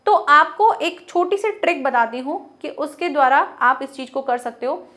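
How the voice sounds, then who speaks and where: High-voiced woman teaching Hindi grammar. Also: expressive, moderate pace, a bit bright. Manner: explains patiently, repeats words to model pronunciation; asks the class questions and answers them herself. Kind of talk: Hindi grammar lesson for students.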